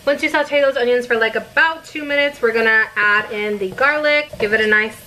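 Bright-voiced young woman cooking vlogger. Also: fairly high pitch, a little fast, a little hiss or hum, low-quality recording. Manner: chatty, giggly, laid-back. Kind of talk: casual cooking vlog. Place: home kitchen. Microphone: camera set in the microwave.

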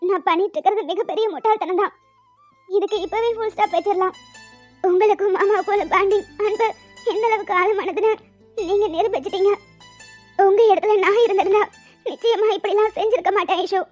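A woman's voice: very high voice, fairly even intonation, brisk, darkish tone. A woman voicing a remorseful, jealous young woman who talks in an earnest, pleading way. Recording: dull lo-fi audio with music.

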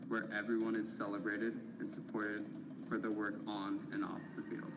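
A man's voice: fairly low pitch, level tone, moderate pace, vocal fry, heavy background noise. A young man, a student, reading a proud, earnest scripted voice-over for a school video. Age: teens to young adult, a student. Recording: echoey voice-over under loud music.

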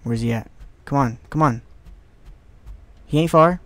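A young man giving casual let's play commentary on a horror game, excitable, muttering to himself and swearing. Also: medium pitch, unhurried, no room sound.

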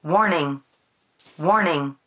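A man doing a high robotic self-destruct alarm voice. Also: slow. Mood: mechanical alarm. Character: cold computer countdown voice, self-destruct alarm. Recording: roomy echo with loud music.

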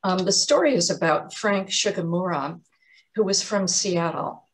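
A woman giving an explanatory museum talk on artist's books, measured and often pausing with um and uh. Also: on the low side. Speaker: art lecturer.

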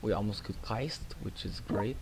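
A young man with a Brazilian Portuguese accent hosts a gaming channel, rambling casually over his own strategy game with lots of fillers and restarts. His voice is lowish with vocal fry at a normal speed. Loud game music and battle sounds make the background heavily noisy.

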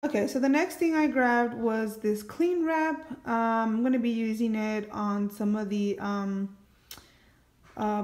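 Chatty woman in an echoey kitchen. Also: medium pitch. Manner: chatty, many ums and likes. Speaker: family vlogger. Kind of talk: casual haul video. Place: home kitchen, indoors.

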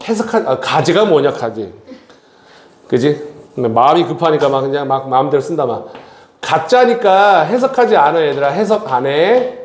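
A man's voice: on the high side, animated, moderate pace. A middle-aged man teaching an English grammar lesson in a classroom, constantly addressing his students and checking with tag questions. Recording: echoey classroom.

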